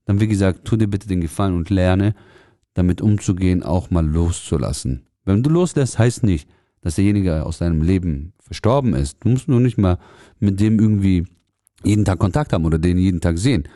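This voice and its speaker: Man, low mellow voice, earnest advice-giver to hairdressers, dry close sound. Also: animated, a little fast, no echo. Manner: earnest, direct, talks straight to the listener. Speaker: salon owner giving advice to hairdressers. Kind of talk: motivational podcast monologue.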